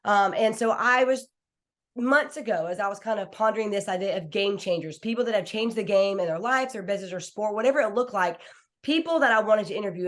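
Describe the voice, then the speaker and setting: A woman's voice: mid-range voice, a bit bright. Enthusiastic American woman hosting a podcast. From small town in Washington, United States. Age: 30s. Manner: enthusiastic, informal, uses y'all and like. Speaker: podcast host. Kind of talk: chill, conversational interview hosting.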